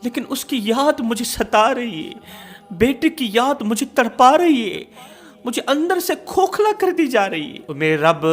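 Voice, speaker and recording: A man's voice: sits high, fairly bright tone. A man voicing a grieving old mother who pleads and laments over her son. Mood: pleading.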